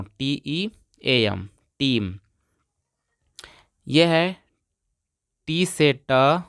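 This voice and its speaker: Guy teaching english reading, spells letters one by one, repeats words, crisp and dry. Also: mid-range voice, fairly bright tone, no room sound. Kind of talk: phonics lesson.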